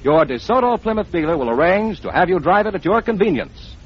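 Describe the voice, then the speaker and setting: On a dull vintage radio recording, a man announces scripted copy in a polished mid-century advertising style. His voice sits high and sing-song, brisk, with a noisy background.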